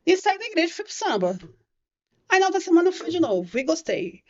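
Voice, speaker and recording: A woman's voice: extremely high pitch, very animated, fast. A woman giving a personal testimony as a podcast guest, telling her story vividly and acting out the voices she quotes. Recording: slightly muffled podcast audio.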